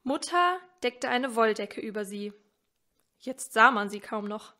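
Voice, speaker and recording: A woman reading a story aloud in a measured, expressive way. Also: a little high. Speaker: story reader at a church advent event.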